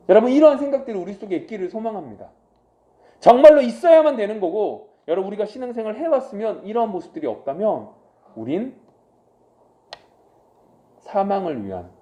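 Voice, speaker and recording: Lively-pitched male pastor preaching. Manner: swings from loud acted inner voices to soft low asides; asks the congregation questions and answers them himself. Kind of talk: sermon.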